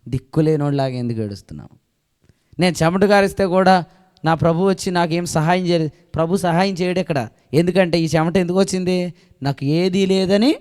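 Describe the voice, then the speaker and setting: A male pastor preaching a sermon who keeps asking the congregation questions and swings between loud declarations and soft asides. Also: on the high side, clear, resonant tone. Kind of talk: Telugu sermon. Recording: long echo of a hall.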